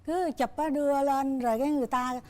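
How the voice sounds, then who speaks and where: A woman's voice: high voice, steady tone, fast, dark tone. An older woman, a mother-in-law guest on a talk show, chatting in a rambling way with many fillers. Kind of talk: casual talk show chat.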